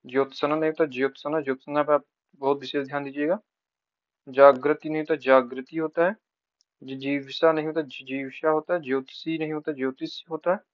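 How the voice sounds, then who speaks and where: A man's voice: a little high, fairly even intonation, dry recording, lo-fi sound. A man teaching an exam-prep spelling lesson, rattling through word lists and repeating each word with short tips. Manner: rapid rote listing, repeating each word with brief tips.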